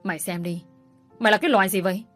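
A woman's voice: mid-range voice, rapid-fire, fairly bright tone, no room sound, faint music behind, close to an everyday voice. A woman reading an audiobook voices an enraged father who berates his daughter with contempt. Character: enraged father, middle-aged man.

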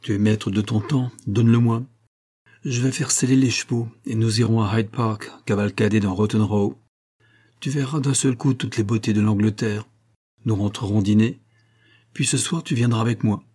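A man's voice: fairly low pitch, moderate pace, close to an everyday voice. A man reading as a jovial theatrical singer. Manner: lively, expansive, commanding. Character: jovial theatrical male opera singer friend.

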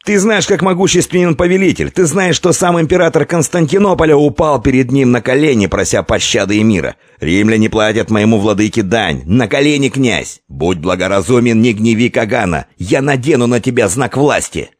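A man reading an audiobook and voicing an arrogant, menacing Avar envoy who shouts threats in a high, strained roar. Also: big pitch swings, normal speed, dry recording, studio quality. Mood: screaming rage.

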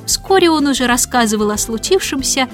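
A woman narrating a children's storybook in an expressive, measured way. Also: high voice, faint music behind. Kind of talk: scripted audiobook narration.

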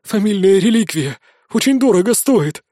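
A man's voice: animated, takes it slowly, darkish tone, no echo, studio quality, exaggerated voice. A man voicing a frightened boy called Rat, begging tearfully for help in an audiobook. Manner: pleading, tearful, high-pitched.

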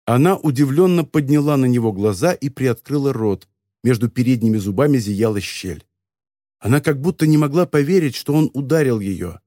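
A man narrating a novel as an audiobook, in lively, expressive storytelling. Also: mid-range voice, moderate pace, no echo, studio quality. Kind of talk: scripted narration.

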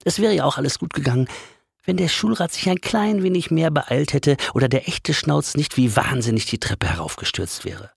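Brief: male audiobook narrator, expressive and animated, husky gravelly tone, dry close mic. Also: on the high side, normal speed, dry recording. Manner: expressive, shifts between loud and whispered. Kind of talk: dramatic audiobook reading.

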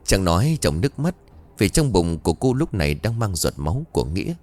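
A man's voice: sits low, sing-song, a little fast, darkish tone, faint music behind. A man narrating a scripted horror story with dramatic telling.

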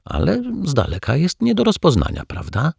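A man's voice: low voice, animated, moderate pace, creaky, a bit bright, breathy edge, no room sound, studio quality, heavily acted. Man doing a timid mumbling young woman. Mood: hopeful. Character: shy embarrassed young woman zoo helper.

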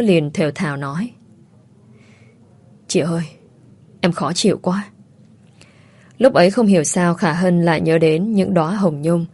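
A woman narrating a family drama in a calm, even storytelling manner. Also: on the low side. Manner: calm, even storytelling, voicing the characters' quotes lightly. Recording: soft music behind the voice.

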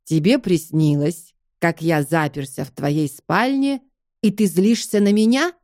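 A woman voicing a teasing, stubborn young male lover in an audiobook, slow and unhurried. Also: fairly low pitch, a little mellow, no room sound, studio quality, natural voice. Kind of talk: audiobook dialogue.

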